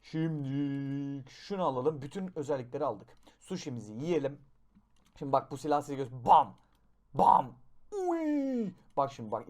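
A young man giving excited gameplay commentary, shouting in bursts, then dropping to low mutters, and making gun noises with his mouth. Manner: excitable, shouts and swings between loud outbursts and low mutters; makes gun sound effects with his mouth. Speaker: gaming YouTuber.

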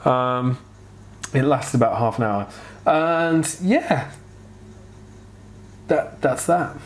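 Speaking very slowly and expressively, a man in his thirties fields viewer questions for an informal vlog, his style casual, frank and rambling. He sounds a little unwell, with a wheezy, medium-pitched voice and shortness of breath. He's indoors in his home kitchen, captured on a clip-on lapel mic.

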